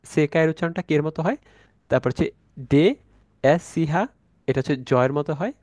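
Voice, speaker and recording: A man's voice: fairly high pitch, darkish tone, dry recording. Man spelling out sounds in an online class. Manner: explains slowly, spelling out letters and sounds; casual, thinks aloud with fillers. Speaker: German language teacher.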